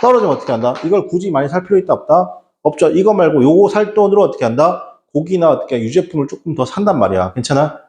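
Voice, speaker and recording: Fast and sing-song with barely a pause, this male voice is on the high side, darkish in tone and roomy in sound. He's teaching English test prep in Korean, asking himself rhetorical questions and then answering, with offhand slang asides and the recurring line "어떻게 한다?".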